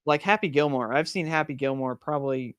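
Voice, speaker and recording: A man co-hosting a casual podcast, moving the talk along with quick jokey asides. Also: fairly high pitch, dry recording, clean studio sound. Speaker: co-host.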